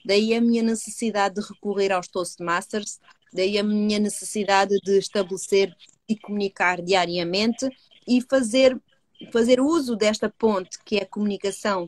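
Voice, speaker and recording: A woman with a European Portuguese accent speaks earnestly and in a measured way, co-hosting a live talk as a hypnotherapist. She asks herself rhetorical questions and answers them. Her slightly high voice sounds close and dry. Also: no room sound. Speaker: co-host, hypnotherapist. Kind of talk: live-stream discussion.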